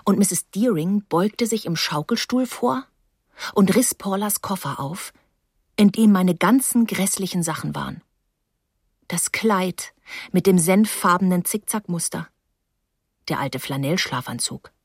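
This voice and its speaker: A woman narrating an audiobook in a measured, even storytelling manner. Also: on the low side, husky, no echo, studio quality.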